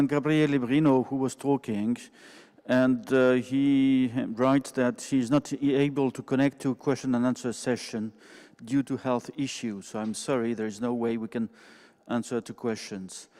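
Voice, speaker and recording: A man with a French accent moderating a conference session, announcing things in a brisk, apologetic way. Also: mid-range voice, steady tone, dark tone. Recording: long hall reverb.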